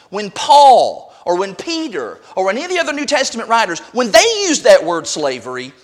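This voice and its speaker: Male pastor, high and animated delivery, preaching to a congregation in church. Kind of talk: sermon.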